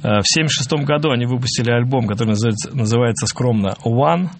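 A man's voice: mid-range voice, quick pace, a little hiss or hum. A man hosting a live radio music show in a casual, somewhat hesitant and rambling way.

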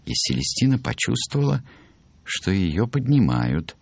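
A man reading a children's book aloud in an animated way, acting out the voices. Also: on the low side, measured pace, gravelly, dry recording. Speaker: storyteller.

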